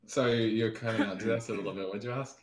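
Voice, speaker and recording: A man on a podcast, heard over an online call line, chatting casually and joking, quick to laugh. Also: on the low side, fairly even intonation, reverberant. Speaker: podcast co-host. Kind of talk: casual chat.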